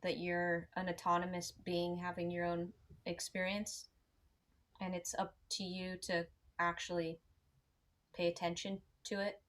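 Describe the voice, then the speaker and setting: A woman's voice: lowish voice, monotone, measured pace, a bit bright. A woman in a group asking a tentative question to clarify. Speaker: group participant.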